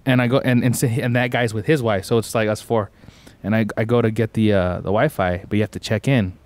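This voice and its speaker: A young podcast co-host from Tucson, Arizona tells a rambling, laid-back story in casual chat, often saying "bro." His voice sits on the low side with a steady, darkish tone, and he talks fairly quickly.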